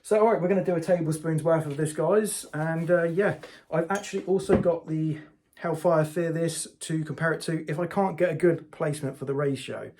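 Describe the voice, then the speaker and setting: A man's voice: a little high, brisk, darkish tone. A man hosting a casual hot sauce review vlog, talking straight to his viewers in a chatty way.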